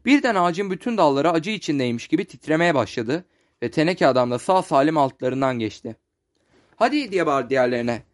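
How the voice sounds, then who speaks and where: A man narrating a children's storybook as an audiobook in a steady storytelling manner. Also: fairly high pitch. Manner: steady storytelling, slows for descriptions.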